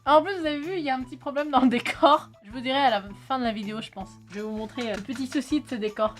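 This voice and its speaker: Brief: bright high-pitched woman from France, casual vlog teacher, chatty, jokey, swears a bit. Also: rapid-fire, soft background music. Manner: chatty, swears, jokes with friend. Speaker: video host teaching Khmer.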